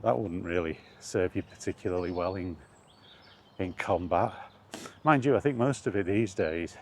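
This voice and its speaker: A man with a low, darkish voice muses aloud to himself on a walk, vlogging solo along streets or paths. He's easygoing and rambling, drifting into trailing asides, and the recording is noisy with outdoor sounds.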